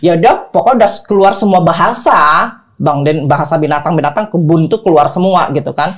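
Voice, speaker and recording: A middle-aged woman telling her story in an interview, animated, acting out quoted dialogue. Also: low-pitched, brisk. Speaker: guest, wife of the accused.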